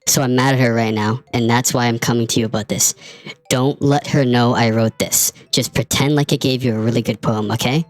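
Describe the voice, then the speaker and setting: A woman's voice: a bass voice, fairly even intonation, fairly quick, rough recording. Natsuki, a worried teenage girl, read by a woman. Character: teenage girl, prickly but worried about a friend. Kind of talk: reading game dialogue aloud.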